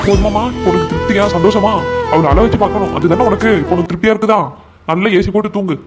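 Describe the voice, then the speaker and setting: Man voicing a fast, high-voiced devoted cartoon husband. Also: loud music behind the voice, close to an everyday voice. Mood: pleading. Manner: earnest, pleading, stubbornly defends his wife. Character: young husband torn between his mother and wife. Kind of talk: cartoon voice acting.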